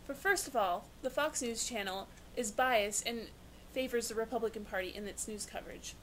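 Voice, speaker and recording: A woman's voice: a little high, normal speed, a little hiss or hum, close to an everyday voice, low-quality recording. A woman playing an earnest, prim liberal professor who protests indignantly in a scripted news satire. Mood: prim, polite.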